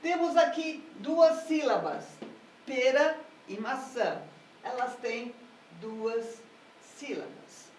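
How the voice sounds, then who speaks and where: A woman's voice: high-pitched, expressive, slow pace, a little hiss or hum. A woman music teacher explaining harmony in a patient, step-by-step lesson. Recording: echoey room, mic at a distance.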